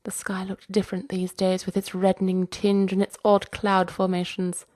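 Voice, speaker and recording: A woman narrating a horror story in a measured, steady way. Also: medium pitch, no room sound, clean studio sound.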